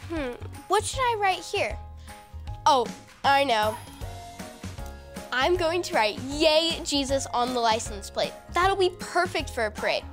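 Bright high woman hosting a kids' show, quiet music behind. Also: very animated, a little slow, pauses often. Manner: cheerful, asks kids questions. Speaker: children's show host. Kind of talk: preschool Bible lesson wrap-up.

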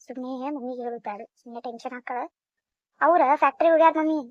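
A woman voicing a gentle, anxious young wife with a North Karnataka accent in a cartoon, pleading and soft-spoken. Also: sits high, quick pace, dry recording, close to an everyday voice. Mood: reassuring. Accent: North Karnataka Kannada. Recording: dry, dull lo-fi sound.

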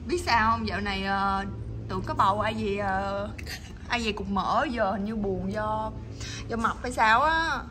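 A woman's voice: medium pitch, measured pace, bright, forceful tone, slight background noise. A woman chatting with her pets in a teasing, coaxing way, laughing often. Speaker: pet channel host. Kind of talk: casual chat to her pets.

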